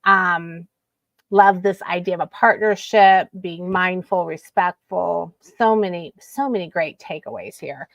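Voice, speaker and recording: A woman's voice: fairly low pitch, a little slow, vocal fry, no room sound, highs cut off. Encouraging woman panel moderator. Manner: encouraging, affirming, wraps up with takeaways. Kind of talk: virtual panel discussion.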